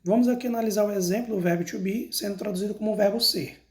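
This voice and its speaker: A man from Brazil teaching an English lesson, calmly explaining and slowly repeating each form twice for students to copy. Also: high voice, reverberant. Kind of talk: slow classroom lesson with repetition drills.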